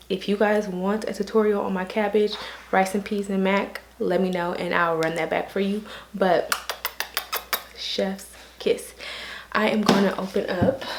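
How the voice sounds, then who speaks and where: A woman vlogger talking casually and upbeat to her viewers, playful when playing a game at home. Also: medium pitch. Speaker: lifestyle vlogger. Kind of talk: casual vlog talk to camera. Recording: echoey room with clear background noise.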